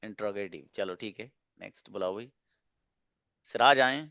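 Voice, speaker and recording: A man's voice: lowish voice, bright, forceful tone, no room sound, lo-fi sound. A man teaching a grammar lesson to a class, explaining step by step and asking questions he then answers himself. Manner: explains slowly, asks and answers own questions. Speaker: English teacher.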